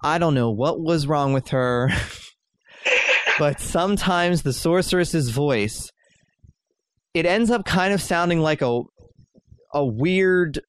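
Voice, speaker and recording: A man's voice: on the high side, lively intonation, takes it slowly, long pauses, fairly bright tone, clear, resonant tone. A man hosting a podcast in casual chat, talking with lots of fillers and frequent laughs. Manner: chatty, laughs often, many fillers. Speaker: podcast host.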